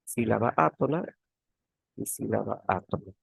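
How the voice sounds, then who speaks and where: A man's voice: lowish voice, expressive, normal speed, gravelly, husky, no echo. A man teaching an online grammar class as a teaching assistant, repeating key words and asking tag questions. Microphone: computer mic on a video call.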